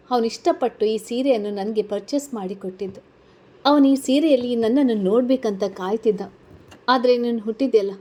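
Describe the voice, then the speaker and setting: A woman's voice: a little high, mellow, close to an everyday voice. A woman voicing a confident, glamorous young female model student in a read-aloud story, talking in a breezy, assured way. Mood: apologetic. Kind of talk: storybook character reading.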